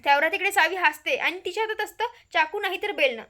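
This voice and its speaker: A woman's voice: very high voice, fast talker, sharp tone. A woman casually retelling the episode of a TV serial, chatty, with many fillers and quotes voiced in passing. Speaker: serial recap narrator. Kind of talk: casual spoken story recap.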